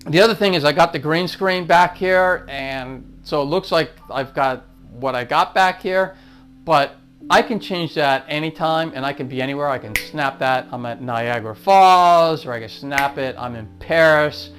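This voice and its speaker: Brief: casual male vlogger talking straight to camera indoors, a touch high-pitched, relaxed and rambling. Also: normal speed, soft background music. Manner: chatty, rambling, easygoing. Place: indoors in front of a green screen.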